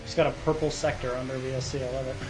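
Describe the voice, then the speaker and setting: A man's voice: mid-range voice, little pitch movement, very fast. A young man joking, swearing freely and mocking himself over casual voice chat while sim racing. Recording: noisy game audio behind voice chat.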